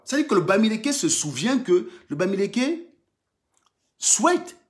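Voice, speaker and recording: A Cameroonian man with a Cameroonian French accent runs a livestream monologue, taunting his audience. His fairly high voice swoops widely in pitch, and he jumps from loud bursts down to muttered asides. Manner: combative and mocking, swinging between loud outbursts and low muttering. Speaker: livestream host.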